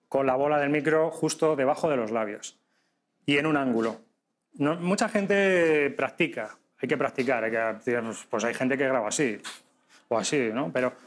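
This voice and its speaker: Guy running a podcast workshop, kinda high voice, lively, keeps asking the room stuff. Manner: lively, demonstrative, addresses audience directly with frequent tag questions. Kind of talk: live workshop talk.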